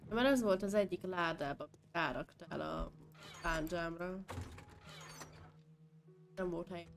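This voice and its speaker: A woman chatting casually with friends while playing a survival game, quick to react and playfully complaining. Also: fairly low pitch, soft background music. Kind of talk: casual gaming chat.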